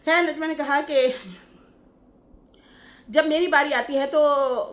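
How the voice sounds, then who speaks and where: A woman's voice: high-pitched, steady tone, slow. A woman giving chatty, scolding reaction commentary as a YouTube host, breaking into mocking impressions.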